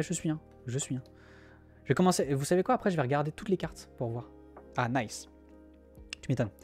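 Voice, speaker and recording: Young male streamer, slightly high voice, teasing banter, light music underneath. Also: a little mellow. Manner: joking, teasing, talks to his chat. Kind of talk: casual live-stream chat.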